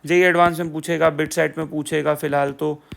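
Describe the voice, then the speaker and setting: A man's voice: fairly high pitch, level tone, brisk, creaky, a bit bright. A young man explaining exam syllabus changes in a casual, sarcastic way, repeating the same phrases over and over. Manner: sarcastic, repeats "theek hai bhai" and "poora poora". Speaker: exam prep educator.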